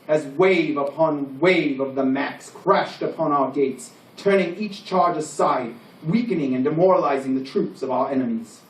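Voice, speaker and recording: A solemn medieval king, acted by a man delivers a formal, declamatory knighting address with proud grandeur. The voice sits somewhat high. It is captured at a distance in a reverberant room, with faint noise behind it. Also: close to an everyday voice. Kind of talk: ceremonial scripted speech. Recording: roomy, distant microphone, faint background noise.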